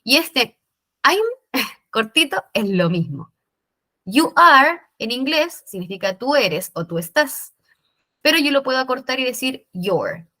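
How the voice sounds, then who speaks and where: Woman, teacher, recorded lesson, clear bright tone, patient explaining. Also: sits high, big pitch swings, a little slow. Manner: patient step-by-step explaining, checks in often. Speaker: English teacher.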